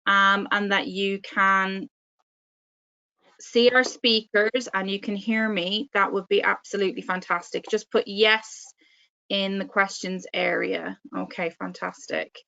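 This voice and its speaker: Over dull lo-fi video call audio, a female career consultant moderates a workshop online, cheerful and friendly yet heavy on fillers. She has a creaky, sharp-toned medium voice, steady and measured.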